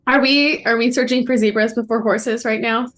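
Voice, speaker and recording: A woman's voice: on the high side, fairly even intonation, moderate pace, a bit bright. A woman playing a tabletop role-playing game, speaking casually in character.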